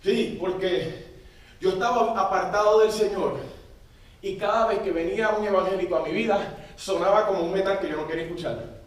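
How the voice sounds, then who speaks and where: A man's voice: sits high, brisk. A man preaching a sermon, getting the congregation to repeat phrases back to him. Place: large church hall. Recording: echoey church hall, mic at a distance.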